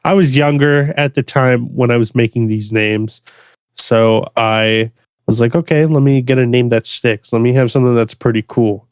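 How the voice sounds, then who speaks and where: Young man, relaxed podcast guest, loose and chuckling, dry close sound. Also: mid-range voice, normal speed, clean tone, dry recording. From United States. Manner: laid-back, laughs often, repeats words. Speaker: guest bass music producer. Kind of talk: casual podcast conversation.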